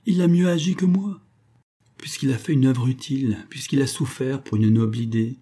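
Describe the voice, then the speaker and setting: A man's voice: mid-range voice, expressive, normal speed, warm tone, slightly rough. Man reading as a contrite, courtly billionaire. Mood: warm. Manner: formal, contrite. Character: remorseful older male billionaire, courtly.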